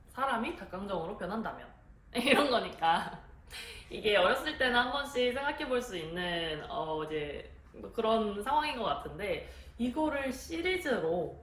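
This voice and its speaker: A woman's voice: mid-range voice, a little hiss or hum. A woman giving a casual spoken review of a series, laughing often and acting out the characters' lines. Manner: animated, laughs often, acts out quoted lines. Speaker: film reviewer. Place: room in a venue. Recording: roomy echo with faint ambience.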